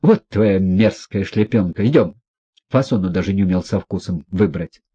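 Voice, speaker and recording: A man voicing a hot-tempered, imperious older noblewoman who scolds in shrill outbursts. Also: normal speed, warm tone, breathy edge, muffled recording. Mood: scolding.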